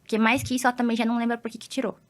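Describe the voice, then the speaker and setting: A woman's voice: on the high side, flat delivery, very fast. A Brazilian woman speaks as a psychologist guest on a podcast, her voice sitting a little above the usual. She explains patiently and steadily, reaching for everyday examples.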